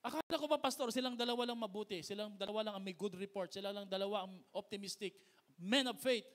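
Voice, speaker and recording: A male pastor preaching a sermon to a congregation, mixing Tagalog and English, getting people to repeat words after him, and swinging from loud emphatic lines to hushed, near-whispered ones. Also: sits high, fast talker. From Philippines.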